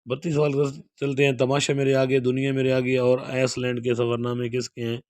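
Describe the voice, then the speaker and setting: Male lecturer, monotone delivery, clean dry recording. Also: medium pitch, no room sound. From Pakistan. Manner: steady explanatory delivery, reads question then gives answer. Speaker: Urdu lecturer. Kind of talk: exam prep lecture going through model paper answers.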